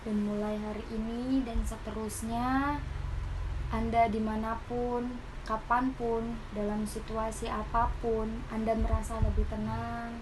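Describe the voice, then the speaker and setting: A woman hypnotist speaks in a fairly high voice with very flat intonation. She gives soothing, repetitive relaxation suggestions. Clear background noise runs behind her voice. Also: measured pace. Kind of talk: guided hypnosis relaxation script. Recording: clearly noisy recording with ambience.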